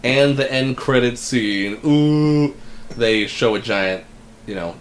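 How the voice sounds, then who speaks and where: A man's voice: mid-range voice, slow, a little hiss or hum. A man co-hosting a casual film review podcast, enthusiastic and easygoing. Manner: enthusiastic, casual, uses "super" a lot. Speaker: podcast co-host.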